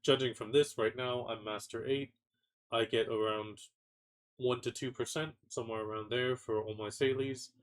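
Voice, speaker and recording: A man's voice: mid-range voice, fairly even intonation, normal speed. A man with a cold talks through game patch notes in a casual, offhand way. His voice is stuffy and nasal, and he trips over words as he goes. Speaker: gaming content creator.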